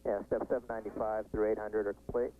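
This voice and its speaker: A man on the launch team, giving clipped, rapid callouts over a tinny radio communicator channel. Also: lowish voice, flat delivery, a little hiss or hum. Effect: tinny radio communicator, like a sci-fi comm channel. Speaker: launch team controller on the comms loop. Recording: tinny narrow-band radio loop.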